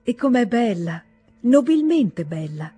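A woman reading aloud, voicing an affectionate, lively young married woman in a raised, animated tone. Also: a little high, slow, slightly rough, faint music behind, pitched above the performer's own voice, heavily acted.

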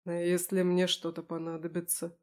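A woman's voice: on the low side, little pitch movement, a little slow, a little mellow, clean tone, natural voice. Woman voicing a sulky, clingy werewolf man. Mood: plaintive. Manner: plaintive, pleading.

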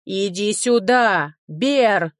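A woman's voice: medium pitch, animated, very slow, dry recording, clean studio sound. A woman voicing a furious male duke and mage, barking orders in a commanding voice. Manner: commanding, demanding.

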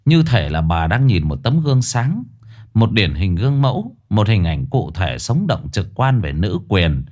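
A man narrating a comic story in a lively, mocking way. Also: on the low side, measured pace.

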